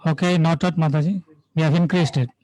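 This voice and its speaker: A man's voice: on the high side, steady tone, brisk, darkish tone, rough recording. A man moderating an online group video call, repeating an elder's words aloud for the viewers. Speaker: host of online house visits.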